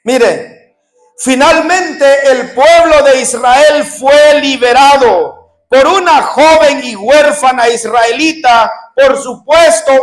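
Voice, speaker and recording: A male preacher retelling a scripture story in a sermon and speaking directly to his congregation. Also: extremely high pitch.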